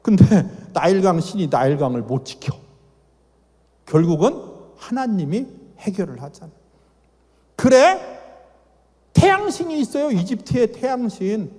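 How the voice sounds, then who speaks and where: A man, an Old Testament professor, giving a lively, colloquial Bible lecture at a church, dramatizing the stories as he goes. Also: extremely high pitch. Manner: dramatic storytelling, acts out characters, colloquial. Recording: echoey church hall.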